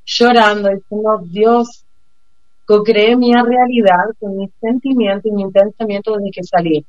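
Expressive woman telling a story, muffled. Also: medium pitch, measured pace, no echo. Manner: expressive, acts out the people she quotes. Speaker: guest telling of a bicycle trip. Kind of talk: casual storytelling. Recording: muffled lo-fi dry sound.

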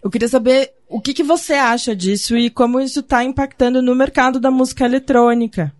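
A woman's voice: high voice, fairly even intonation, brisk. A Brazilian woman hosting a podcast, asking her guest questions in a casual, conversational way. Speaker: podcast host interviewing a guest.

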